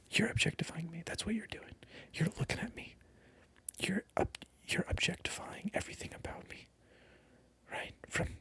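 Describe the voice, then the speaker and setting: Whispering right up against the mic, an ASMR creator delivers a repetitive monologue to the viewer, teasing with playful mock indignation. The voice is medium in pitch and fairly bright.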